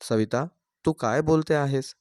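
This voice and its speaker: A man's voice: medium pitch, unhurried, darkish tone, dry recording, studio quality, lightly acted. A man voicing a puzzled young husband. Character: young husband and son, confused.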